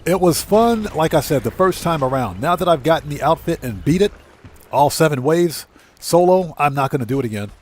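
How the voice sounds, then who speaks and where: Chatty man streaming games, slightly high voice. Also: animated, brisk. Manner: chatty, repeats himself for emphasis. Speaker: live stream host. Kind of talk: casual live game commentary, chatting with viewers.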